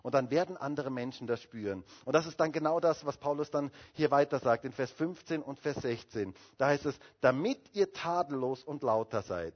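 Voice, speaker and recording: A man's voice: medium pitch, brisk, few pauses. A male pastor preaching a sermon with emphatic calls and rhetorical questions to the congregation. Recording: dull lo-fi sermon recording.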